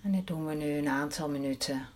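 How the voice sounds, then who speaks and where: A woman leading a guided breathing meditation in a soft, soothing voice, counting the breaths aloud. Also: deep voice, fairly quick.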